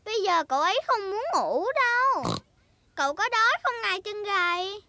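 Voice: very high voice, expressive, normal speed, pushed and bright, no echo, heavily acted. A performer voicing a bossy, cheerful little girl piglet in a cartoon dub, talking in an emphatic, childish way. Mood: bossy, eager. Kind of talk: cartoon dubbing.

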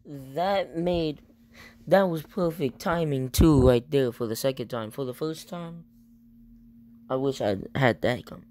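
A man's voice: mid-range voice, a little slow. A young man lying on his bed, reacting to a video in a casual, slangy, exclaiming way. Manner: slangy, exclaiming, laughing often. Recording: loud background noise.

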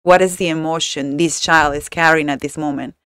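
Smooth-voiced earnest woman co-host. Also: low-pitched, fairly even intonation, fairly quick, a bit bright, no room sound, studio quality. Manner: earnest, encouraging, often asks "right?". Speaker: podcast co-host. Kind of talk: casual book club chat.

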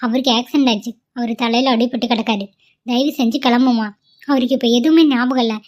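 A woman's voice: fairly high pitch, steady tone, fast talker, darkish tone, close to an everyday voice. Woman doing a devoted young wife, insistent. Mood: pleading. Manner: pleading, insistent. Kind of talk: cartoon voice acting.

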